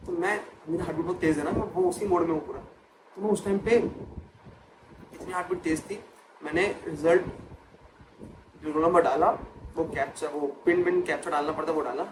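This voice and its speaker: A young man, a chartered accountant and exam coach, tells a personal story in an emotional vlog. He repeats phrases for emphasis and mixes English words into his talk. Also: on the high side. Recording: noisy background.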